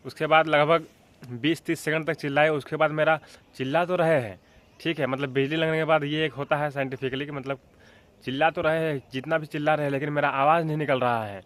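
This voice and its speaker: A young man from Jharkhand, India, vlogging a casual childhood story in a rambling way, often checking in with the listener and clearing his throat. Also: fairly high pitch, steady tone, fairly quick, fairly bright tone. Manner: rambling, with frequent filler checks like "theek hai" and "hai na".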